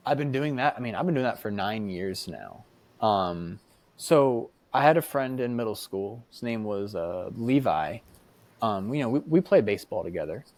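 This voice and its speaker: A young American man, a podcast guest, telling casual stories in an animated way, acting out quoted voices between many fillers. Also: on the low side, moderate pace, no room sound. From United States. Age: young adult. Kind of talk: casual storytelling.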